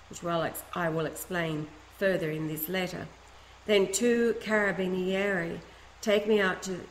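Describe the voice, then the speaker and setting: Over a faint ambient hum and ringing room echo, a woman reads aloud a letter written in the first person. Her voice sits a little low, and her pace stays steady and earnest apart from the odd restart.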